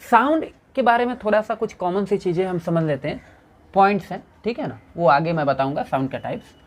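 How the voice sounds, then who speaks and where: A man with an Indian accent leads a physics revision lecture, posing questions and answering them himself while slowly reading out English definitions. His voice is high and expressive.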